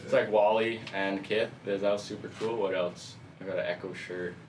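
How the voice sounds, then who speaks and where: Man, very low voice, casual slangy podcast guest, roomy sound, distant mic. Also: steady tone, normal speed, a little mellow, slight background noise. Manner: laid-back, loose slang-filled talk.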